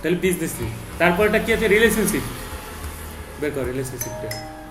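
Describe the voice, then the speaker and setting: High-voiced male tutor in an echoey room. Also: big pitch swings, moderate pace, music in the background. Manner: prompting, questioning, correcting pronunciation. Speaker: teacher. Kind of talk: tutoring lesson, quizzing a learner. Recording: echoey room with faint noise.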